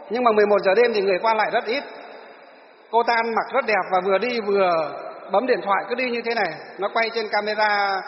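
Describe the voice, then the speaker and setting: Brief: man, a teacher lecturing a class, high voice, long hall reverb. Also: slight background noise. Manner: asks students rhetorical questions and answers them. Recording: echoey hall, dull lo-fi.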